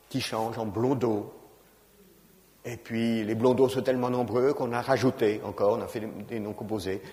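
A man's voice: medium pitch, a little mellow. A man giving an informal lecture on genealogy, talking conversationally and often adding "hein" and fillers. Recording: reverberant lecture hall.

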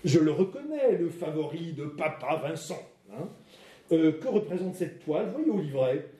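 Huffy, scornful older painter, read by a male lecturer; animated, recorded from afar in a roomy hall. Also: fairly high pitch, moderate pace. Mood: indignant. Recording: roomy hall, mic far off.

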